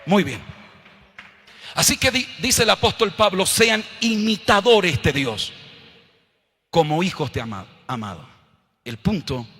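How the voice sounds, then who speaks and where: A Colombian man preaching a sermon, swinging from low, quiet asides up to loud, shouted scripture lines. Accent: Colombian Spanish. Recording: long hall reverb.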